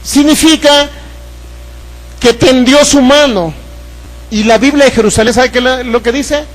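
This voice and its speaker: A man's voice: very high-pitched, a little slow, rough recording. A man with a Mexican Spanish accent preaching a sermon, putting questions to the congregation and acting out Bible scenes. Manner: acts out voices from the Bible story. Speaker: pastor.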